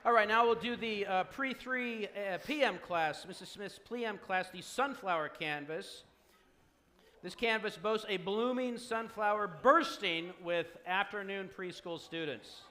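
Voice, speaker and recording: High, bright-voiced male event host. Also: unhurried, a little hiss or hum. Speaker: master of ceremonies at a fundraiser auction. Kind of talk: live event announcing. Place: event hall, live before an audience.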